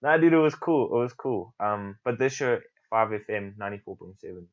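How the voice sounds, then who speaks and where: A man's voice: lowish voice, expressive, fairly quick. A young man, a musician guest on a podcast, chatting casually in a laid-back, rambling way. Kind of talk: casual chat. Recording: dull lo-fi sound.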